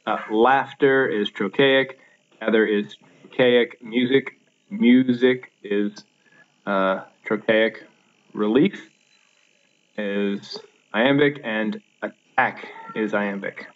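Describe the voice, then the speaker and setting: A man's voice: fairly low pitch, slow pace, highs cut off, a little hiss or hum. A man teaching a recorded video lesson, explaining step by step with fillers and restarts.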